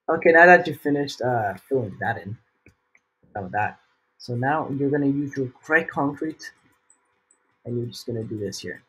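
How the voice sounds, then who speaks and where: A sick teenage boy, whose voice sounds a bit off, hosts a casual gaming tutorial on building, rambling with fillers and jokey asides. His voice is mid-range, fairly bright and husky. Audio quality is poor.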